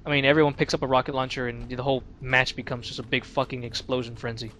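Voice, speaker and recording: A man's voice: medium pitch, flat delivery, quick pace, a bit bright, a little hiss or hum. Laid-back man chatting over a game. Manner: laid-back, swears a lot, many fillers. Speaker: let's play commentator. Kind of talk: casual gaming chat.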